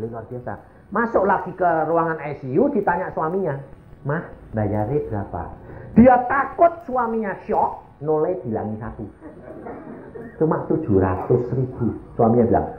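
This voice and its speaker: A male evangelist preaches in an animated storytelling way, his pitch swooping high and low. His voice fills an echoey church hall and comes through thin and phone-like. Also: normal speed. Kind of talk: sermon storytelling.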